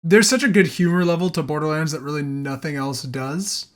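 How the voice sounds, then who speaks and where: Speaking a little quickly in a higher-leaning voice, a man co-hosts a podcast. The talk is relaxed and excited as he covers entertainment news, with some offhand cursing thrown in.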